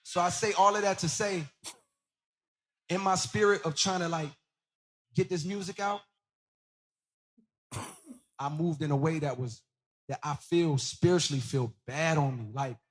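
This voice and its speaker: A man with a slightly higher voice, speaking earnestly in a casual chat. He pauses and restarts a lot, filling the gaps with "like.". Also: fairly even intonation. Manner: earnest, halting, full of "like".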